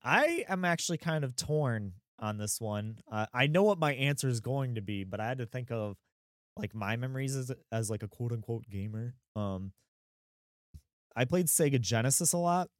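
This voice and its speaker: A man's voice: mid-range voice, expressive, moderate pace, dry recording. Casting: man, 30s, laid-back podcast co-host, rambly and chatty, close dry mic. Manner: rambling, lots of fillers and laughs. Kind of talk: casual chat.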